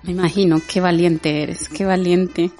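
Calm Latin American woman interviewer. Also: lowish voice, soft background music. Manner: empathetic, measured questions. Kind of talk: conversational interview.

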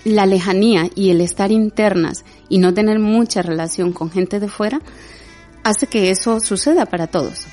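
A Latin American woman interviewing a guest, asking measured, empathetic questions. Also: mid-range voice, mellow, faint music behind. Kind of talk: conversational interview.

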